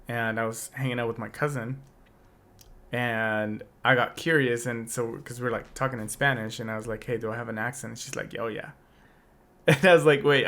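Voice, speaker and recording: A young adult man co-hosts a podcast, his mid-range voice carrying a fairly bright tone. He chats casually and reflectively, restarting his sentences often.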